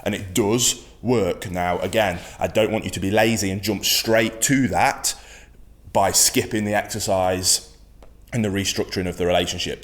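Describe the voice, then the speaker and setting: A man teaching as a dog trainer, giving an instructional talk in a firm, emphatic way and repeating his key points. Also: low-pitched.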